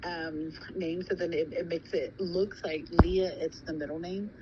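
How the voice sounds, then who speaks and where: A lowish-voiced woman in her thirties, born in Thailand and raised in California, answers questions in a casual recorded interview. She's hesitant, speaking slowly with many pauses and ums. The recording is muffled, with steady background noise.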